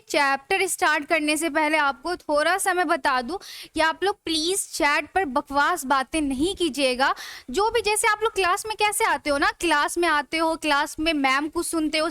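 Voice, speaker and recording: A woman's voice: very high voice, sharp tone, no echo. A young woman teaching an online grammar class, chatty and asking her students rhetorical questions as she goes. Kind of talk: live online class lecture.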